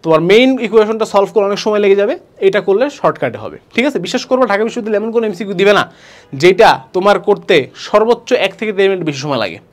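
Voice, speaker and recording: A young male tutor with a Bangladeshi Bengali accent runs through exam tips in a video lesson. He talks fast with a lively, swooping delivery and a fairly high voice. He sprinkles in English words and keeps asking his students whether they follow. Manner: mixes English words, asks students rhetorical checks. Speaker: admission test tutor.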